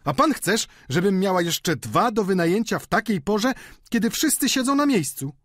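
A man reading an audiobook voices a fretful, wailing middle-aged landlady in a high, pleading voice. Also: very animated, moderate pace, no room sound, studio quality. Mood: distraught.

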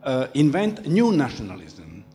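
An older man asking a question from the audience into a handheld mic, speaking haltingly with pauses. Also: mid-range voice, huge pitch swings, dark tone. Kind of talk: public Q&A question. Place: large dark hall, standing. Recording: hall reverb with a faint hum.

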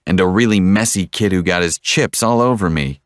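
A man reading one side of a scripted English-lesson dialogue, repeating each line slowly and clearly. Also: sits low, dry recording, studio quality.

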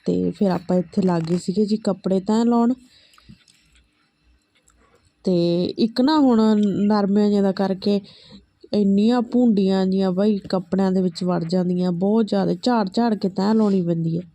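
A woman's voice: medium pitch, moderate pace, dark tone. A woman with a Malwai Punjabi accent narrates her daily chores in a casual, chatty, homely vlog style. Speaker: family vlogger.

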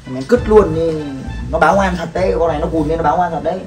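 A man's voice: on the high side, rapid-fire, darkish tone, recorded from a distance, close to an everyday voice. A man playing an older brother figure who bluntly tells the group to hold back, swearing and pleading in a staged comedy sketch. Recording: echoey room with faint music.

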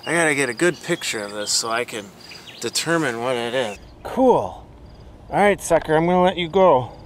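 A man in his forties, fishing from an outdoor riverbank, chatting excitedly to the camera and to the fish he catches. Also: medium pitch, normal speed, slight background noise. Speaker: fishing vlogger. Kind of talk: casual narration while fishing. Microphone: chest-mounted action camera.

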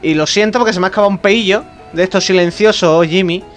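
A young man with a Spain Spanish accent doing animated, excitable game commentary for a video channel. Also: high voice, fast talker. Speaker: gaming YouTuber. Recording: faint background music.

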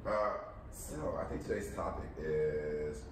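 Low-voiced man in his forties, hesitant host. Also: slow pace. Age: 40s. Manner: hesitant, many likes and trailing phrases. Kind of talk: casual chat. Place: living room. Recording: echoey room, distant mic, background hum.

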